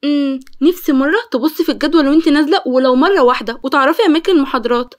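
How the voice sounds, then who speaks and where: In a storytelling piece, a woman with a high, natural voice races through her lines while playing a caring, sensible young student who fusses over her friend. Speaking in an Egyptian Arabic accent, she scolds kindly and sounds fussy.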